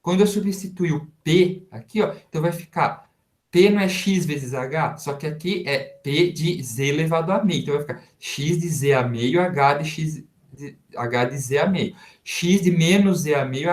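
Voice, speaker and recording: A man with a Brazilian Portuguese accent, a university professor giving a recorded math lecture and working through each step slowly with rhetorical questions to his students. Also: fairly high pitch. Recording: roomy echoey sound.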